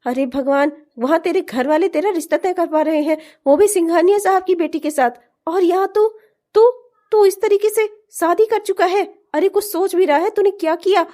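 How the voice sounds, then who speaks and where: A woman's voice: very high-pitched, moderate pace, dark tone. A woman voicing a conscience-stricken young male friend in a cartoon, earnest and scolding. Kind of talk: cartoon voice acting.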